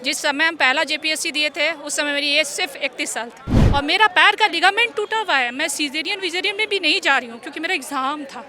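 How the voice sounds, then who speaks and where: A woman's voice: sits high, brisk. A woman in her forties, an exam candidate, making an emotional, indignant plea in a street interview outdoors. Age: 40s. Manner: pleading, indignant.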